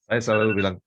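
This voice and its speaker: An older man from North Sumatra preaching a folksy sermon, dropping to soft murmurs and then rising into loud, emphatic bursts. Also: fairly low pitch, dull audio, noisy background. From Pematangsiantar, North Sumatra.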